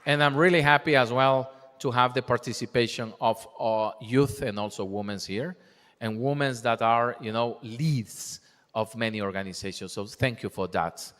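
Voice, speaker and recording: A man's voice: medium pitch, moderate pace, fairly bright tone. A man giving a passionate, rallying speech at a launch event, asking the crowd questions. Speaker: program presenter at a launch event. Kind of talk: speech to a live audience. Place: large conference hall. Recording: long reverb of an event hall.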